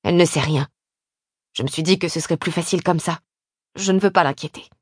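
A woman's voice: medium pitch, fairly quick, no room sound, close to an everyday voice. A woman reading a tired, guilt-ridden young man from an audiobook, pleading and apologetic. His words come out tense and strained. The voice is dry and close, with no room sound at all. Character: guilty, worn-out young man leaving his sick wife.

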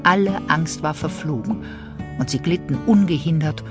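A woman narrating a children's audiobook in an expressive storytelling manner. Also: deep voice, normal speed, loud music behind the voice.

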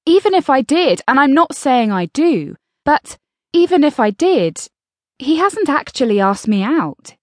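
A woman's voice: sits high, sing-song, unhurried, no room sound, studio quality, voice pushed up. A woman narrator as a flustered heroine. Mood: indignant. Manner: defensive and indignant. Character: flustered young woman private investigator.

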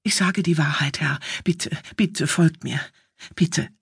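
A woman voicing a frightened young male messenger under twenty who begs anxiously in a raised, husky voice, as in an audiobook. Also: takes it slowly, no echo, studio quality, exaggerated voice. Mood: pleading, anxious. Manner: high, anxious, begging.

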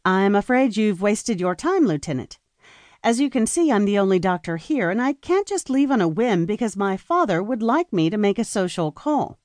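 A woman's voice: mid-range voice, sing-song, normal speed, a little mellow, no room sound, studio quality, lightly acted. Woman voicing a stubborn young doctor. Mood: resolute. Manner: lilting, polite but unyielding.

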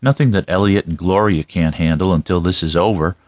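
A man's voice: low voice, a little fast, a little mellow, no echo, lightly acted. A man voicing a seasoned, wry male detective in audiobook dialogue, matter-of-fact in manner. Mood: dismissive.

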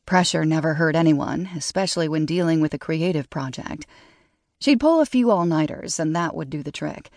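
A woman narrating an audiobook in a measured, steady way, recorded close on a studio mic. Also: deep voice, dry recording. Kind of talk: scripted narration.

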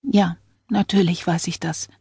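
A woman's voice: on the low side, level tone, unhurried, creaky, warm tone, breathy edge, no echo, clean studio sound, full character voice. A woman reader voicing a timid, frightened young wife who pleads anxiously. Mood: fearful.

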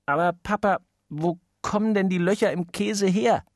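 Quengelnder kleiner Junge, von einem Mann gesprochen. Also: male voice, high voice, normal speed, no echo, clean studio sound, pitched above the performer's own voice. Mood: whiny insistent. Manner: whiny, insistent questioning. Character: curious stubborn little boy.

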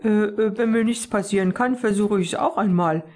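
A woman's voice: medium pitch, normal speed, darkish tone, natural voice. Woman doing Goliath, a dim hesitant sparrow. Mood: eager. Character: slow-witted big male sparrow, always munching.

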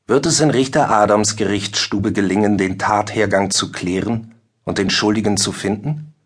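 A man narrating a classic story for children in a measured storytelling manner. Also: on the low side. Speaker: audiobook narrator.

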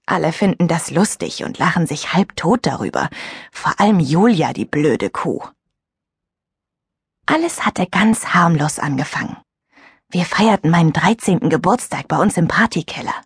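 Expressive woman audiobook narrator. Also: fairly low pitch, moderate pace, slightly rough, no echo, studio quality. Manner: chatty, expressive. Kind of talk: first-person youth audiobook narration.

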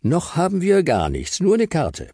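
A man's voice: a little high, huge pitch swings, moderate pace, warm tone, husky, no echo, studio quality, voice pushed up, exaggerated voice. A man voicing a sensible, level-headed boy who organizes his friends. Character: sensible bossy boy leader.

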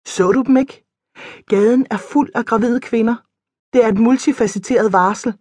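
A woman reading an audiobook, voicing a flustered, excitable young woman. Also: on the high side, no echo, close to an everyday voice. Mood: excited.

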